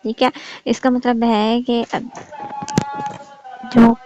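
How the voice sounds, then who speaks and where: A woman's voice: on the high side, flat delivery, takes it slowly, muffled recording. A woman teaching an online English grammar lecture, explaining patiently and saying "okay" again and again as she goes. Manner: explains patiently, repeats "theek hai" often.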